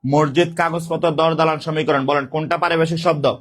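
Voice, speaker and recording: A man teaching a live online exam-prep class with a sore throat, speaking softly, repeating questions and calling out students' names. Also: fairly high pitch, little pitch movement, a little fast. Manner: repetitive, calls out student names and drills questions.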